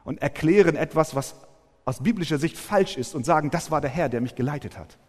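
A man delivers a sermon in a fairly high voice. He is emphatic and builds to forceful peaks. His voice rings out with the long reverb of a hall. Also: fairly quick. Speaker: preacher.

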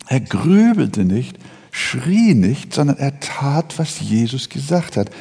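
Man, sermon, dramatic delivery, lively pitch, slightly husky, long hall reverb. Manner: dramatic, acts out biblical figures with rising pitch. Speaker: preacher.

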